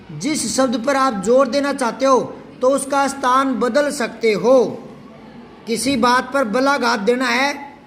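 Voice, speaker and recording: A man teaching a Hindi grammar lesson to a class, patiently repeating example sentences slowly. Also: very high-pitched, fairly bright tone, slight background noise.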